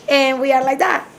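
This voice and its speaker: A Salvadoran barber shop owner in her fifties, whose first language is Spanish, speaks with a Salvadoran accent in a documentary interview. Her voice is high-pitched and creaky over slight background noise. She is heartfelt and reflective, often restarting her phrases.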